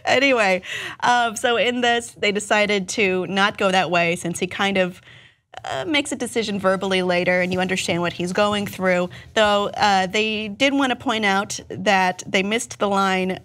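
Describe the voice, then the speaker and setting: A woman's voice: medium pitch, normal speed, a bit bright. Woman host recapping movie scenes. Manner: recaps scenes conversationally, laughs often. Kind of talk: casual pop-culture chat.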